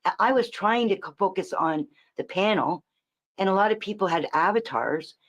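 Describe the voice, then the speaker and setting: A woman's voice: mid-range voice, lively intonation, normal speed. A woman streamer giving rambling, profane commentary, restarting her sentences often.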